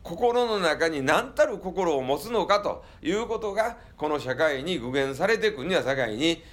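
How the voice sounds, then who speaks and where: Lively Kansai monk telling temple stories. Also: male voice, on the high side, moderate pace. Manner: folksy, joking, storytelling. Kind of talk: humorous talk to a tour group.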